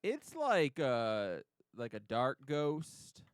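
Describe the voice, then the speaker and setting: A man's voice: medium pitch, huge pitch swings, extremely slow, smooth, exaggerated voice. A man voicing a ditzy, gossipy valley-girl palm tree in a tabletop game. He drawls and sighs, filling every phrase with "like". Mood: chatty. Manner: drawling, sighing, full of "like".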